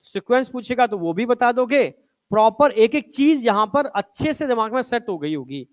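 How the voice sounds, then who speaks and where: A man's voice: very high-pitched, animated, moderate pace. Male teacher. Coaxing classroom lecture where he quizzes the students. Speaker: biology teacher.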